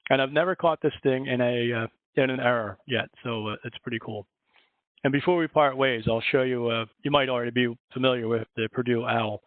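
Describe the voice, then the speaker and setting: A man's voice: mid-range voice, brisk, no room sound. A man with a Philadelphia accent, a librarian giving a chatty, rambling workshop presentation on a video call. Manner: chatty, rambling, self-correcting. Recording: dry, tinny phone-like audio.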